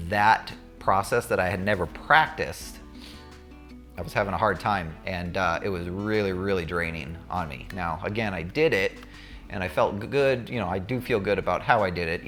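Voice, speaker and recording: A man's voice: low-pitched, fairly bright tone. A man talking casually and candidly to viewers, recounting his own experience as a student pilot in a conversational way.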